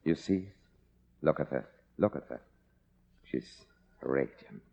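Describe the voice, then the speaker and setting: An actor playing a solemn, devoted older manservant in an old radio drama, speaking gravely and formally in clipped sentences. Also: male voice, rumbling low, animated, slow pace, mellow, heavily acted. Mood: protective. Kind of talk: mid-century radio drama acting. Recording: dull old radio recording.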